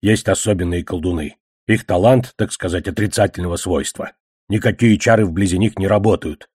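A man reading an audiobook voices a curt, sardonic wizard in a lower, matter-of-fact tone. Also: a little fast, a little mellow, slightly rough, no room sound. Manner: low, dry, matter-of-fact. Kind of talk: audiobook character voice.

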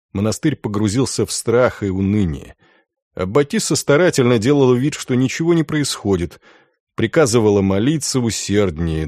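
A man narrating an audiobook in a measured, expressive storytelling manner. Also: fairly low pitch, dry recording, clean studio sound.

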